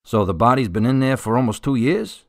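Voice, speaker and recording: An actor playing a businesslike, courteous police officer in a radio drama, direct and plain-spoken. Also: male voice, mid-range voice, lively intonation, brisk, lightly acted. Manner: direct, polite, questioning.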